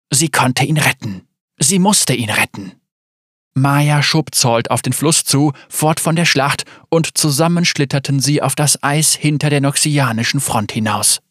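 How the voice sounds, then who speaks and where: A man narrating a dramatic story in a measured, scripted reading. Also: mid-range voice, a bit bright, no room sound, clean studio sound.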